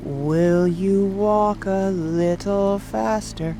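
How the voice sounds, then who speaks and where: A woman playing a melancholy, sentimental sea turtle creature in a dramatic audiobook, with a slow, mournful delivery. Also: medium pitch, steady tone. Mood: slow, sad singsong. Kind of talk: full-cast dramatic audiobook reading. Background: soft rain ambience and music.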